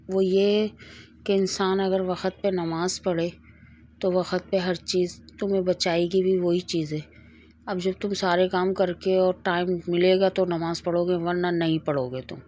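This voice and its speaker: A woman's voice: on the low side, fairly even intonation, measured pace, warm tone. A middle-aged woman hosting a home cooking video, chatting as she demonstrates a recipe and tells a moral story along the way. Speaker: cooking channel host.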